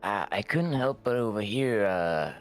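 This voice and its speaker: A man's voice: on the low side, lively intonation, measured pace, clear, resonant tone. A man doing casual improvised role-play in a tabletop game, hesitant and often trailing off. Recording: music playing behind the voice.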